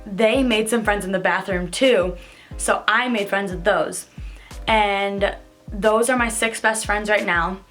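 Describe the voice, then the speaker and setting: A woman rambles through a casual storytime vlog, piling up fillers as she goes. Her voice sits at an ordinary middle pitch and leaps up excitedly whenever she acts out what friends said. Faint music plays underneath. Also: measured pace. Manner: chatty, filler-heavy telling with many "like"s; excitable, jumps high when quoting voices. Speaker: vlogger.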